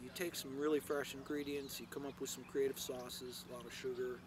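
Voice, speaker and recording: Crowd noise surrounds a middle-aged chef and restaurant owner from Hawaii, United States, who speaks a little fast with little pitch movement in a medium-pitched voice and an American accent. He presents casually to camera outdoors, in an open yard with a covered grill deck, using a lapel microphone.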